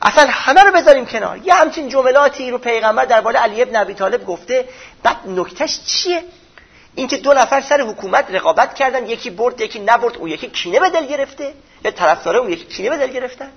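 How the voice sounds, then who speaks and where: High, gravelly male religious lecturer. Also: lively intonation, dull audio. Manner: explains texts in plain everyday speech.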